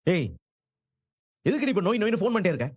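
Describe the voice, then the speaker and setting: A man's voice: high voice, big pitch swings, very fast, breathy edge, no echo, studio quality, heavily acted. An actor playing a hot-tempered young man who snaps at his girlfriend on the phone with sarcastic, dismissive anger. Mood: angry. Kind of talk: TV serial acting.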